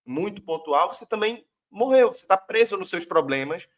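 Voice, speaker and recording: A man's voice: sits high, expressive, normal speed. A man from Brazil arguing a political point as a guest author, reflective and using many fillers. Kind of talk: political discussion.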